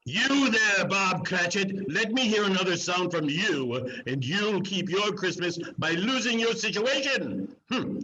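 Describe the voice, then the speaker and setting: A man playing Scrooge, a bitter old miser with a gruff, husky voice, in an amateur dramatic reading. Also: high voice, expressive, unhurried, few pauses, pushed and bright, a little hiss or hum, heavily acted. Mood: scornful. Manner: gruff, curt, exclamatory. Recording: dull lo-fi video-call audio.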